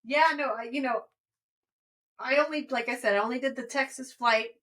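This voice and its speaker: A woman's voice: high voice, normal speed, a bit bright, far from the mic. A woman co-hosting a podcast, chatting bluntly and swearing casually. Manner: blunt and profane. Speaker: podcast co-host. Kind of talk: casual chat.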